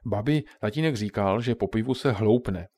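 A man's voice: fairly low pitch, warm tone, close to an everyday voice. A man voicing a curious young granddaughter, raising his voice slightly. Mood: earnest.

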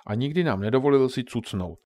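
A man's voice: medium pitch, animated, darkish tone, voice pushed up, lightly acted. A man voicing a curious young granddaughter, raising his voice slightly. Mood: earnest.

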